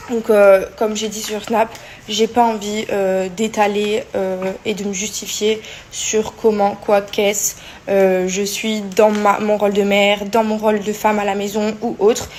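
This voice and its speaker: A woman's voice: mid-range voice, fairly even intonation, a little slow, a little mellow, a little hiss or hum. Young woman chatting hesitantly in a vlog. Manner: hesitant, many fillers. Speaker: vlogger. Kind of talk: casual vlog chat.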